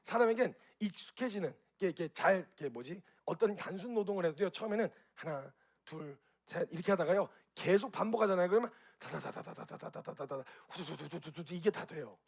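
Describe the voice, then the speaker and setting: A man with a husky, slightly raised voice speaks quickly to an audience. He keeps it animated, asks them direct questions and acts out reactions with sound effects. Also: high-pitched. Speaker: speaker at a group gathering. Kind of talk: lively spoken talk to an audience.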